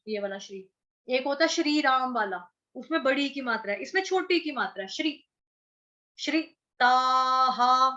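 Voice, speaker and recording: Woman, chanting teacher, high bright voice, patient syllable-by-syllable lessons. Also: muffled recording. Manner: patient, breaks words into syllables and chants them slowly.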